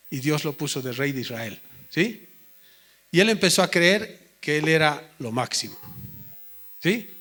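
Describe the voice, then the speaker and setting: A man preaching a sermon in an earnest way, slowing right down to stress his points. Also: a little high, fairly bright tone. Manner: earnest, slows down sharply for emphasis.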